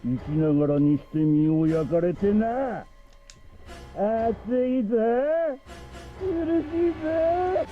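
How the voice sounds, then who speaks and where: A man's voice: high voice, lively intonation, unhurried. An actor voicing a cruel, scheming middle-aged man in a game, mocking and condescending, heard as muffled game audio with music behind. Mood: menacing. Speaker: game character.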